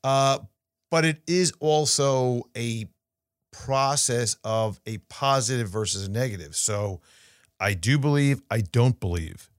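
A man co-hosting a casual podcast, talking in halting restarts and reading out news items. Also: medium pitch, dry recording, clean studio sound. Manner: halting restarts, animated, playful. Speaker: podcast co-host.

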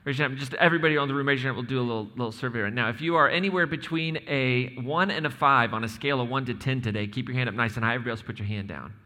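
Bright-voiced American pastor in a reverberant hall. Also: male voice, mid-range voice, very fast, hardly any pauses. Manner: informal, joking, asks the audience questions. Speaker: lead pastor preaching. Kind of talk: conversational sermon to a congregation. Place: large church room. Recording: reverberant hall, live preaching.

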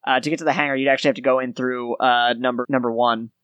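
Game master, informal tabletop narration, descriptive, mid pitch, dry close recording. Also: fairly even intonation, fast talker, fairly bright tone, smooth, no echo, muffled recording.

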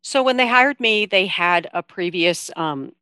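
A woman's voice: on the low side, animated, unhurried, bright, forceful tone, clean tone, dry recording. A woman giving informal, explanatory answers as a guest in a conversational interview. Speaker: interview guest, veteran coordinator at a nonprofit.

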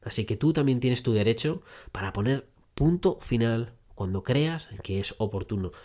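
A man's voice: lowish voice, a little mellow. Man giving relationship advice. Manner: direct second-person address, repetitive emphasis. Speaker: podcast host.

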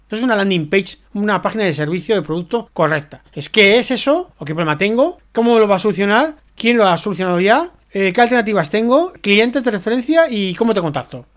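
A man, a web consultant and guest in an interview, explaining at length with emphatic, rhetorical checks on the listener. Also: sits high.

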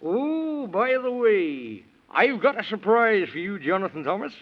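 Very high-voiced, fussy Man in the Moon. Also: sing-song, a little slow, exaggerated voice. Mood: fussy, muddled. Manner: flustered, muddled, exclaiming and repeating himself. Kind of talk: 1930s children's radio serial acting. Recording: dull, muffled 1930s radio recording.

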